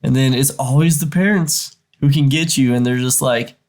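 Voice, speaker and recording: Male reaction co-host, gravelly fry, loose rambling delivery, mid-range pitch. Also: moderate pace, darkish tone. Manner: rambling, many "like"s and restarts. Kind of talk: casual reaction chat.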